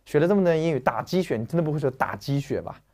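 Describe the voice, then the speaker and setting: A man teaching English vocabulary in a lecture, explaining in a lively, joking, slangy way. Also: fairly high pitch, rapid-fire.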